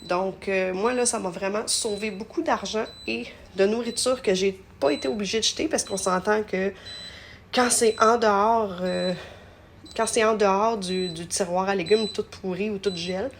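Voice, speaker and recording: A woman's voice: mid-range voice, normal speed, slight background noise. A woman with a Québécois French accent, chatting casually through a live product demonstration in her home kitchen, recorded on a phone, sometimes stumbling over her words.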